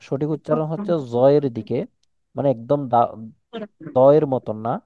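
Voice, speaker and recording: A man's voice: medium pitch, steady tone, no echo. Patient male Quran teacher, dull audio. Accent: Chittagong Bengali. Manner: patient, explains slowly with repetition and examples. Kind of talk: one-on-one Quran lesson.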